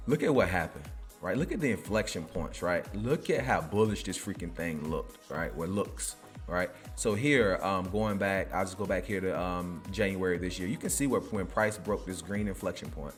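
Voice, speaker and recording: A man hosting a finance video, walking through price charts in a casual, rambling way and asking "right?" after nearly every phrase. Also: deep voice. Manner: says "right?" constantly, restarts, excited bursts.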